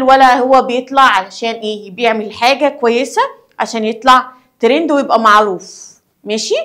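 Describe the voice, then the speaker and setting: Egyptian lady teacher, kinda high voice, quizzing little kids and answering herself. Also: a bit bright. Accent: Egyptian Arabic. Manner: asks the class questions and answers them herself. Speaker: primary school teacher. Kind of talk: lesson explanation for children.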